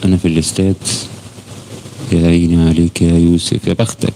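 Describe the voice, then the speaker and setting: A man's voice: deep voice, level tone, a little fast, mellow, slight background noise. A man with an Egyptian Arabic accent hosting a casual football live stream, chatting with viewers by name and swearing oaths as he talks. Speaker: football channel host.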